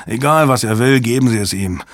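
A man voicing a brash, loud male computer security chief who talks in a sarcastic, booming, scornful way. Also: fairly quick, no echo, studio quality, natural voice.

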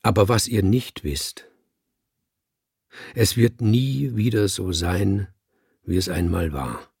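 A solemn male cat holds forth to his fellow cats in a slow, sonorous, sermon-like voice, as a man reads him in an audiobook. The tone is low and a little husky. The recording is close and dry. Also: darkish tone, no room sound, full character voice. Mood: grave. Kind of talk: audiobook reading.

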